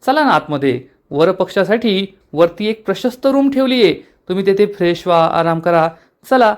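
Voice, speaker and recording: Polite fussing middle-aged mother, as a man puts her on, brisk, high voice. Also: animated. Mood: hospitable. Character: middle-aged woman, bride's hospitable mother.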